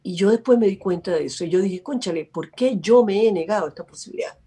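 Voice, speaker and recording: An actress telling stories as a guest on a video call, chatty and quoting herself. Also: female voice, medium pitch, quick pace, dark tone, breathy edge. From Venezuela. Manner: chatty, tells stories, acts out her own quotes. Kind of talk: casual interview chat.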